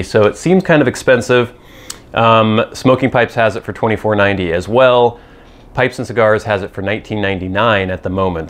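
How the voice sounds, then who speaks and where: A man's voice: fairly low pitch, a bit bright. A man in his thirties talking to camera in an informal, matter-of-fact product review, explaining details as he goes. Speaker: pipe tobacco reviewer. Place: small indoor room with cloth backdrop. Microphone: lapel mic.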